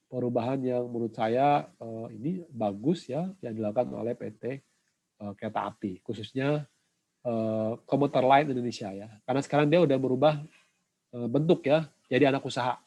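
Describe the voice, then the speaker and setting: A male lecturer explaining and telling a story in an online class, halting with frequent fillers and getting animated as he recounts it. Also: mid-range voice, rough recording. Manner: halting, many "eh" fillers and tag "ya".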